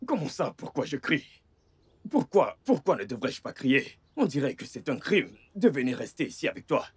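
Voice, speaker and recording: A man's voice: medium pitch, sing-song, moderate pace, slightly rough. A man dubbing a film in French as an impatient, irritable man who grudgingly looks after his sick partner and scolds her. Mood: scolding. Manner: exasperated, scolding. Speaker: dub actor.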